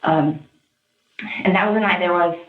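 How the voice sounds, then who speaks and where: Woman, witness in police interview, animated, pressured talk, lowish voice, echoey room, tinny lo-fi sound. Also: moderate pace. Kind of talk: recounting events to detectives.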